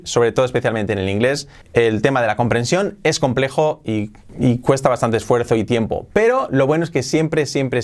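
A man gives a video lesson on learning English, speaking with energy and often repeating words to stress a point. He slows down to spell out example phrases clearly. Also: mid-range voice. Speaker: English teacher.

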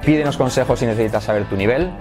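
A man's voice: mid-range voice, racing, music in the background. A man teaching English to Spanish speakers in a video lesson, switching between Spanish explanations and English example sentences.

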